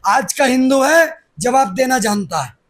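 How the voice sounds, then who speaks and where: A man's voice: very high-pitched, sing-song, a little slow, fairly bright tone. A man, speaking aggressively and defiantly as the guest in a heated political interview. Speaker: interviewee, activist.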